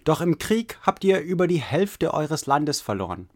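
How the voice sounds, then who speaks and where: Man, history narrator, second-person storytelling, earnest, a bit high. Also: very animated, moderate pace. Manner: earnest storytelling, addresses listener as you.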